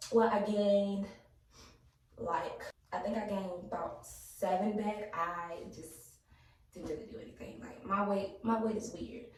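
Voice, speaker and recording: A young woman vlogging at home, talking candidly with lots of fillers, sometimes dropping to a hushed voice. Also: mid-range voice. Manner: candid, rambling, filler-heavy talk; hushed, half-whispered at times. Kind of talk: casual vlog narration. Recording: echoey room, mic at a distance.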